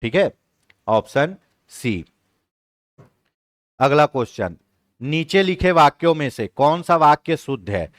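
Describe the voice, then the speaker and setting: A man teaching an online exam-prep class, explaining step by step and slowly repeating key words aloud. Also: fairly high pitch, very animated, dry recording, studio quality. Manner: explains step by step, often asking "ठीक है?".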